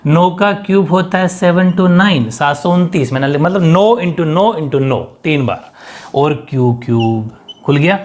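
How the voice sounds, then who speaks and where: A man's voice: a little high, measured pace, darkish tone. Man teaching maths, asking and answering himself. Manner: asks and answers own questions; mixes English maths terms into speech. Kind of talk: whiteboard maths lesson.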